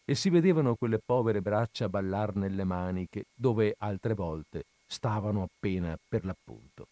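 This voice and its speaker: A man, host of a reading series, reading a classic novel aloud in a measured, expressive way. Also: lowish voice, no echo. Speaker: reader and host.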